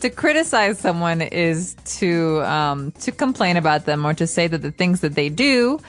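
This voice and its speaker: A woman's voice: lowish voice, sing-song, normal speed. Playful woman co-hosting an English lesson. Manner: playful, teasing. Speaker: podcast co-host, English teacher. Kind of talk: casual teaching chat.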